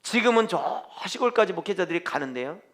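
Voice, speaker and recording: A man's voice: high voice, animated, fairly quick, a bit bright. A man preaching a fervent sermon as pastor, firing rhetorical questions at the congregation. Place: church.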